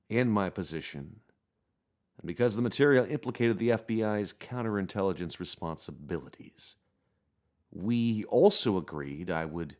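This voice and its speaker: A man gives a dramatic reading of a formal statement like a hammy stage actor, with theatrical emphasis that swells and then drops away. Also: low-pitched. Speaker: reader performing a prepared written statement.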